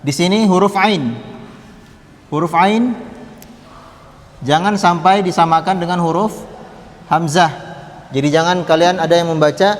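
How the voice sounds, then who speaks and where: A man teaching tajwid, patiently demonstrating Arabic sounds slowly and having the class repeat after him. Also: sits high, in a large hall. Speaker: Quran recitation teacher. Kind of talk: tajwid lesson with chanted examples.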